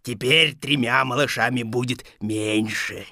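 An actor playing a greedy, boastful fairy-tale wolf who growls and mocks in an audio story. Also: male voice, mid-range voice, measured pace, bright, forceful tone, no echo, clean studio sound. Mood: menacing. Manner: growling, menacing, mocking.

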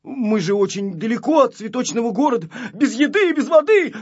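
A man's voice: high-pitched, big pitch swings, slow pace, slightly rough, pitched above the performer's own voice, exaggerated voice. A man voicing a timid, tearful little boy shorty who whines and wails, on a slightly dull recording. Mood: whining. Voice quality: whiny, wailing.

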